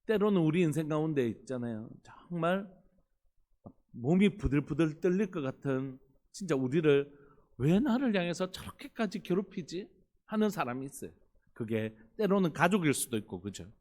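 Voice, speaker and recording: A man pastor giving an early-morning sermon with a personal testimony, earnest and sometimes dropping to a hushed voice when he quotes prayers. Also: a little high, lively intonation, moderate pace. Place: church sanctuary.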